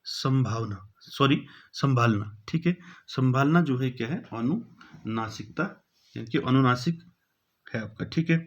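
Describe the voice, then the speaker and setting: A teacher with a mid-range male voice runs an exam-prep grammar lesson at normal speed, reading each question aloud, repeating it, then answering it himself. Between points he keeps dropping in a steady "okay," or "thik hai." The audio is somewhat dull and lo-fi.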